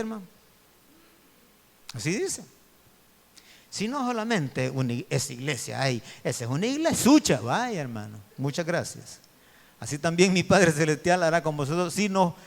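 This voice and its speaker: A male preacher giving an evangelical sermon, swinging between loud stretched-out phrases and quick asides and calling his listeners brother. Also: fairly high pitch, gravelly. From El Salvador. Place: church hall. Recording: reverberant church hall.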